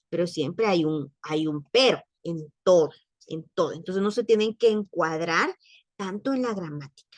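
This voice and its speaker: A woman's voice: medium pitch, darkish tone, no room sound. Woman French teacher, patient and repetitive, dry recording. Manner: explains patiently, repeats phrases, slows for examples. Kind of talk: online language class.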